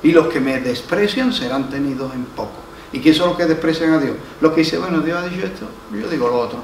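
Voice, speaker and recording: Preaching in a church hall, an Andalusian Spanish pastor narrates a story, voices its characters, and hammers home key lines by repeating them. He speaks fairly quickly, with a fairly high pitch and lively intonation, and the distant, roomy recording carries faint noise.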